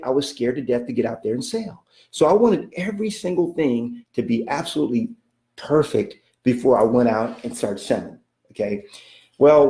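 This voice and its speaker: Speaking in a warm, mid-range voice, this real estate coach gives an emphatic motivational talk in a roomy space. He repeats himself often, checks in with "okay?", and talks about God the way a preacher would.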